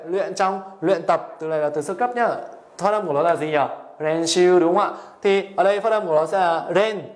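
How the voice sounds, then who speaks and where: High-voiced man teaching an exam lesson. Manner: checks in constantly with rhetorical tag questions. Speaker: Japanese language teacher. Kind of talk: exam-prep lesson explaining answers.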